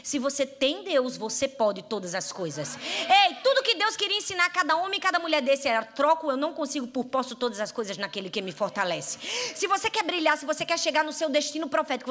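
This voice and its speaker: A woman in her thirties with a Northeastern Brazilian accent, preaching an animated sermon that speaks straight to her listeners, often breaking into laughter. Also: sits high. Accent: Northeastern Brazilian Portuguese.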